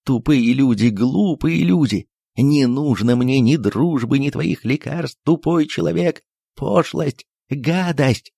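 A man voicing an aging doctor who is bitter and weary, who shouts shrilly in fits and otherwise speaks in a tired, resigned way. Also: medium pitch, lively intonation, normal speed, gravelly, slightly rough, no echo, clean studio sound. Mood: furious shouting.

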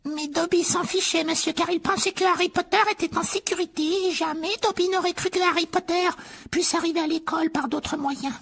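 A woman's voice: very high voice, steady tone, a little fast, creaky, a bit bright, full character voice. A woman voicing a timid, pleading male house-elf servant in a dramatized audiobook reading, fretful and anxious to please. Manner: pleading, fretful and self-punishing.

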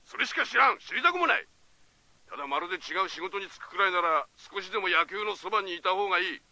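An actor playing a gruff, blunt, proud former baseball player who talks rough and plain. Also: male voice, high voice, animated, quick pace, sharp tone, no echo, exaggerated voice. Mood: earnest. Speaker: ex-baseball player turned commentator.

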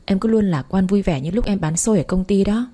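A woman voicing a calm, reassuring young man who coaxes his girlfriend in a spoken story. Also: medium pitch, a little fast, natural voice. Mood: coaxing. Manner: gentle, coaxing.

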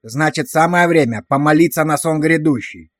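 A man's voice: fairly high pitch, moderate pace, no echo, studio quality, natural voice. A man voicing a harsh, abusive drill sergeant who barks orders and insults at recruits. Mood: barking.

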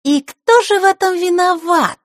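A woman's voice: very high-pitched, moderate pace, no echo, studio quality, voice pushed up. Woman doing a sneering singsong teen girl. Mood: mocking. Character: spiteful mocking teenage girl.

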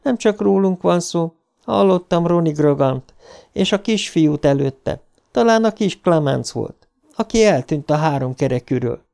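Guy reading an audiobook doing a teary young girl, earnest and pleading, raised high and mellow. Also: expressive, creaky, smooth. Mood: earnest, tearful. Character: tearful young girl, quiet but firm. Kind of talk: audiobook character voice.

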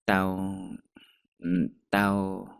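A man voicing a gentle, worried young woman who speaks softly and hesitantly. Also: lowish voice, animated, fairly quick. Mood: anxious. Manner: soft, hesitant, stammering.

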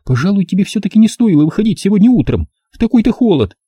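A man's voice: high-pitched, very animated, fast, warm tone, slightly rough, no echo, studio quality, voice pushed up, heavily acted. A man voicing a fussy, anxious middle-aged mother who nags her grown son in an audiobook. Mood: fretting. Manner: smothering, nagging. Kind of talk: audiobook character voice.

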